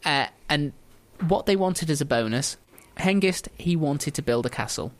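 Man, casual history storytelling, higher pitch, jokey. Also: expressive, normal speed. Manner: chatty, jokey, laughs often. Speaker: podcast host telling history.

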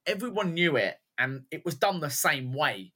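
A man talks films on a podcast with real enthusiasm, drifting from one thought to the next. His voice is bright and forward, and his pitch jumps around a lot as he gets going. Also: moderate pace. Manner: animated, rambling, enthusiastic. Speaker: podcast co-host. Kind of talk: casual film chat.

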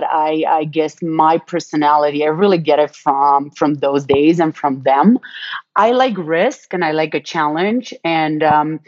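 A woman's voice: low-pitched, a little mellow, no echo, lo-fi sound. A woman, a startup founder answering podcast questions earnestly, with many restarts. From Romania. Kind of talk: casual interview answers.

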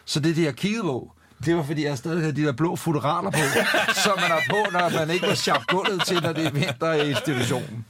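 A father talking as a podcast guest, telling a funny story in an animated way and laughing through it. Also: a little high, few pauses, over a noisy crowd. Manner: animated anecdote telling with laughter and acted-out voices. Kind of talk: casual storytelling.

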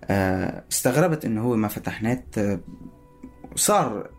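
A man with a Syrian Arabic accent giving personal spoken testimony in a halting way, searching for words. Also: on the low side, lively intonation, creaky, soft background music.

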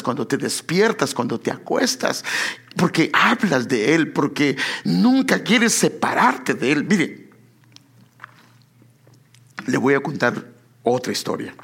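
A man's voice: on the high side, gravelly, fairly bright tone, breathy edge. A man preaching a sermon and telling his own testimony. He keeps calling the listener brother and builds up to emphatic exclamations.

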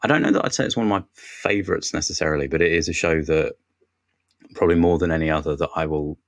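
A man with a very low voice talks about television in a casual podcast chat. He is wry and enthusiastic and often stops to restart his sentences. The recording is dry and close. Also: fast talker, no echo. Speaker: TV critic guest.

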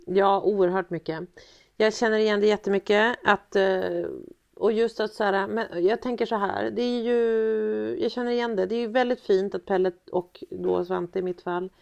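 A woman's voice: mid-range voice, steady tone, vocal fry, a little mellow, dull audio. A woman co-hosting a casual chat over a video call, rambling with many fillers and restarts, from a small room full of guitars. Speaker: podcast co-host, mother.

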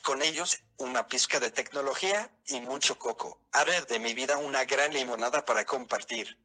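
A male synthesized text-to-speech voice like an old speech synthesizer, reading a scripted opinion segment in a robotic, measured way. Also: medium pitch, sharp tone. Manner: robotic, evenly measured delivery. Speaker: opinion columnist.

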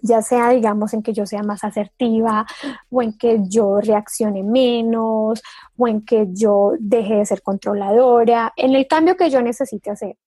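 A woman co-hosting a faith talk show, her voice mellow and a little high. She speaks earnestly and circles back over her words as she teaches. The sound is dry and close, as in a studio. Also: husky, no echo. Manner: earnest, repeats phrases while preaching and recounting testimonies.

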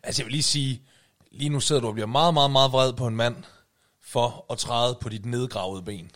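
A man's voice: mid-range voice, fairly even intonation, a bit bright. A man co-hosting a podcast in casual chat, teasing his partner with dry remarks. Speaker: podcast co-host.

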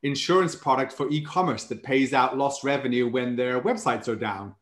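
A Welsh startup founder, appearing as an interview guest, explains his business in an upbeat, fluent, casual chat. His mid-range voice is fairly bright and moves at normal speed, with a roomy echo around it.

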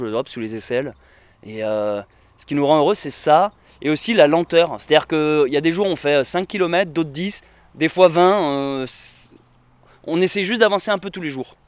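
A traveler and videographer being interviewed chats casually in a clean, medium-pitched male voice with no echo. He rambles, using lots of fillers and restarts.

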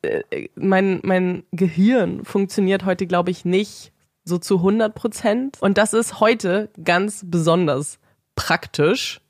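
A woman's voice: mid-range voice, slow, dry recording, studio quality. A woman hosting a podcast in casual chat, her nose blocked from a cold. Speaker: podcast host.

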